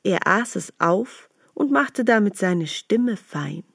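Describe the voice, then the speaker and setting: A woman reads a fairy tale aloud in a slow, unhurried storytelling voice. Her pitch sits in an ordinary middle range and her delivery is calm and clear. The recording is dry and close. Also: no room sound.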